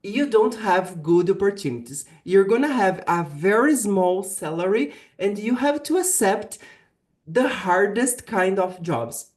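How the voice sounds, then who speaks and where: A Brazilian woman, a native Portuguese speaker, appears as a guest presenter and teacher at a virtual summit, giving a prepared talk. Her medium-pitched, somewhat dark voice carries a Brazilian accent, and she speaks earnestly and deliberately, leaning on key phrases.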